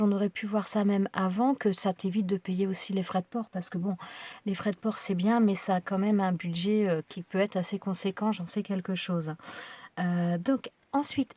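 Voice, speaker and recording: A woman's voice: medium pitch, mellow, no echo. A woman with a French accent chatting casually while unboxing crafts, hesitant with many fillers and restarts. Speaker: crafting vlogger.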